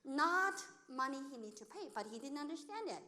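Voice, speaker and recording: A middle-aged woman whose first language is Chinese, an accountant and business owner, tells personal stories to an audience in simple, non-native English. She's a lively storyteller who acts out what people said. Her voice is high-pitched and brisk.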